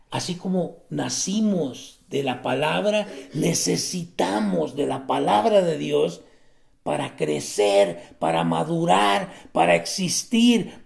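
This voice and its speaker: A man preaching with a high-pitched, heavily gravelly voice. He swings between loud, climbing exclamations and low, hushed stretches. The tone is a pulpit sermon. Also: sing-song, slow.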